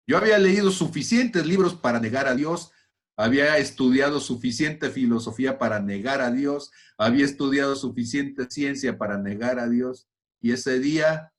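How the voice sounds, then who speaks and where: A man preaching a personal testimony, swinging between loud exclamations and hushed, almost whispered lines. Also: medium pitch. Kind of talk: testimony sermon.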